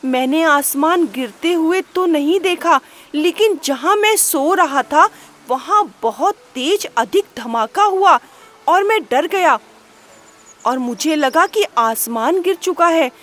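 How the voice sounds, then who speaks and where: A woman voicing a panicky, timid little rabbit in a children's storybook, frantic and shouting warnings. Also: high-pitched, lively intonation, slow pace. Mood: fearful.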